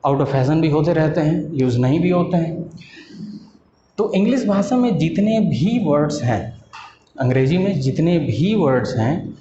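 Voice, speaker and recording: A man teaches a lesson in a patient, explanatory way, pausing on rhetorical questions and drawing out key terms. His voice sits a little high yet sounds mellow and warm. The recording is dull and lo-fi, with a roomy echo. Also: a little hiss or hum. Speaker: English teacher. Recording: echoey room, dull lo-fi sound.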